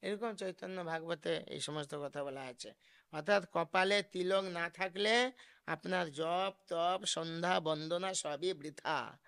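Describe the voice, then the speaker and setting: A man with a Bengali accent giving a devotional sermon, answering a question and quoting scripture verses in a slow chant. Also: a little high, creaky, fairly bright tone, clean tone. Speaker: religious teacher answering a question.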